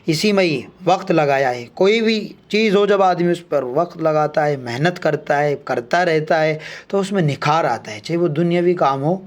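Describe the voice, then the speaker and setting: A young adult man teaching an alphabet lesson, reciting letters one by one and explaining each slowly and deliberately. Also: on the high side. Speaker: Urdu teacher.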